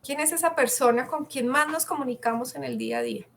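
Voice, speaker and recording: A woman's voice: sits high, quick pace, vocal fry. A woman giving an online communication masterclass, chatting and putting questions to her audience. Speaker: communication coach.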